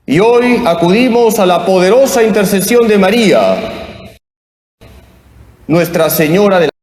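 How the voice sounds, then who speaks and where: A male priest reading the Gospel and preaching slowly and deliberately, chanting the responses, heard in a large church with a cathedral echo. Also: high voice, animated, darkish tone. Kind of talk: Mass reading and homily. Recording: echoey church, voice from afar.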